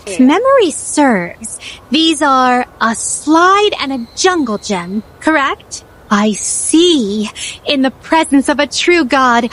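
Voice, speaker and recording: A woman's voice: high-pitched, a bit bright, heavily acted, rough recording. A woman voicing a poised, curious and naive otherworldly attendant in a video game, speaking in formal, flowery and overly polite phrases. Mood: curious, earnest. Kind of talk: scripted video game dialogue.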